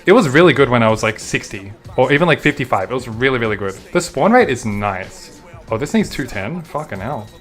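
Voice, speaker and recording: Casual Australian guy, young, mid-pitched, easygoing game streamer who curses offhand. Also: big pitch swings, brisk, soft background music. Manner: chatty, laid-back, swears casually. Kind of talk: casual gameplay commentary, answering chat.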